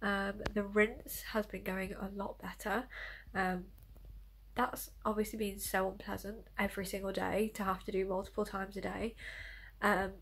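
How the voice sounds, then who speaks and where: A young adult woman giving a casual, candid personal update as a vlogger, speaking in a halting, slightly self-conscious way. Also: medium pitch, a bit bright, breathy edge.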